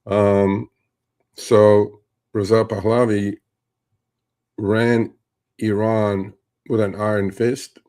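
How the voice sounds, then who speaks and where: Man, middle-aged, from Turkey, deep voice, monotone, dark mellow tone, casual livestream commentary, lots of fillers. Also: very slow, pauses often. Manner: rambling, conversational, many fillers and asides. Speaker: host.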